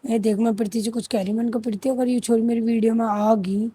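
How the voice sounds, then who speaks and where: A woman's voice: fairly high pitch, fairly even intonation, fast, mellow, slight background noise. A young woman, chatting and joking with viewers in a vlog. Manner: teasing, joking running commentary. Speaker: vlogger. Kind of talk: casual vlog chat with viewers.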